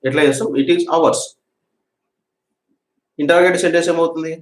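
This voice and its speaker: A man teaching a spoken English grammar lesson, patiently repeating example sentences slowly for learners to drill. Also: fairly high pitch, fairly even intonation. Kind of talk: classroom-style grammar lesson. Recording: echoey room.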